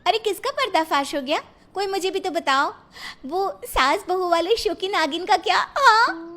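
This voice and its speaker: A woman's voice: very high voice, lively intonation, moderate pace, sharp tone, full character voice. A woman voicing a cheerful young bride who mishears everything in a cartoon. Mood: confused. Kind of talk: cartoon voice acting.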